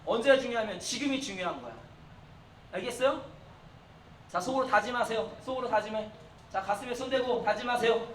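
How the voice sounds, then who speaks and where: A man's voice: very high-pitched, brisk, long pauses, fairly bright tone. A young man, a youth pastor, preaching to middle schoolers in a coaxing, playful way and often raising his voice for emphasis. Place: church hall. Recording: echoey hall from far off, faint noise.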